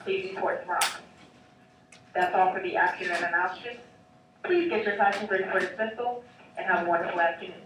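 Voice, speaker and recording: A woman reading the afternoon announcements over a school intercom loudspeaker in a steady list-reading way. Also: on the low side, brisk, long pauses. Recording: echoey distant loudspeaker with background noise.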